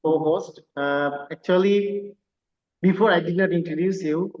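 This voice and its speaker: Offering polite, formal closing words as co-host of an online lecture, a Bangladeshi man, a visiting assistant professor, hesitates often with fillers. His voice is on the high side at a measured pace, and the audio is reverberant with the high frequencies cut off.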